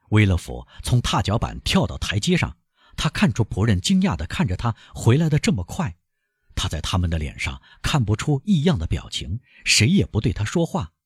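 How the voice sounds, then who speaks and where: A man reading a novel aloud as an audiobook narrator, in a dramatic, expressive manner. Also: fairly low pitch, slightly rough, no room sound, studio quality. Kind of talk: scripted narration.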